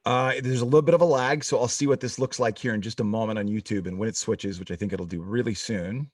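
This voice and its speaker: A man running the stream's tech, talking in a halting way on a video call. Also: fairly low pitch, a little mellow, no echo, clean studio sound, recorded from a distance. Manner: halting, restarts words. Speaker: stream technician. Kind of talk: casual chat.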